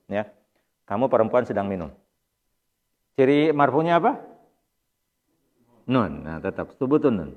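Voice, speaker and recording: Sundanese-accented ustadz teaching in a mosque. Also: male voice, medium pitch, darkish tone, highs cut off. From Indonesia. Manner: explains patiently, often addressing listeners as "Pak". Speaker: Arabic grammar teacher (ustadz). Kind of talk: mosque study-circle lesson. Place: mosque hall. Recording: long reverb in a mosque hall.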